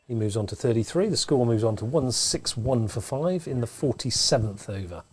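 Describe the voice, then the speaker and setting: A man giving relaxed, chatty live commentary on a club cricket match from a pavilion room. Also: mid-range voice, moderate pace, breathy edge.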